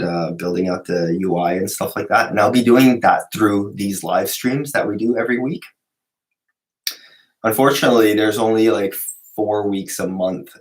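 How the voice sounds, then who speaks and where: A man hosts a relaxed live stream and answers viewer questions, rambling with fillers and restarts. Being a little sick makes his voice lower than usual, and the recording is rough.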